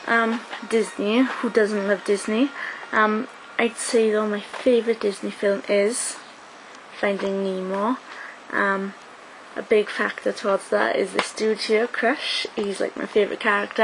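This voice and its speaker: A young adult woman from South Wales chats casually to her webcam in a talking-to-camera vlog, her speech full of ums and likes. Her mid-range voice has some vocal fry, and there's background noise. She's recording in a small indoor room with the webcam close by.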